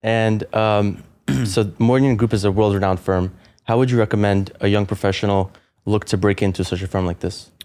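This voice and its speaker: A man hosting a podcast interview, reading a guest introduction and asking questions, answering with quick short affirmations. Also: lowish voice, steady tone, a little mellow. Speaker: podcast host.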